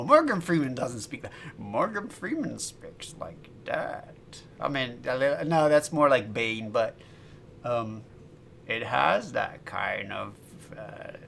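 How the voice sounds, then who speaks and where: A man's voice: medium pitch, gravelly, a bit bright, a little hiss or hum. A man chatting casually on a livestream while making music, laughing often and restarting his sentences. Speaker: streamer and musician.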